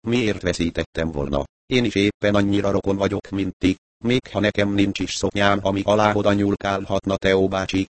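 A man's voice: lowish voice, fairly even intonation, few pauses, dry recording, lightly acted. A man reading the part of a whiny, rude sleek-haired young man in an audiobook. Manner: whining.

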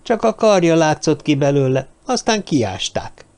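Know-it-all dwarf, eager and puffed up, a bit higher, voiced by a male storyteller. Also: big pitch swings, a little mellow, clear, resonant tone. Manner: eager, self-important. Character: young dwarf man, know-it-all and gossipy.

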